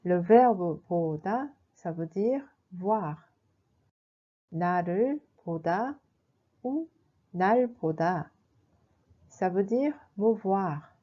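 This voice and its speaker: A woman's voice: mid-range voice, dull audio. A woman explaining a language lesson in a careful, scripted narration, going through examples one by one. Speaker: language teacher.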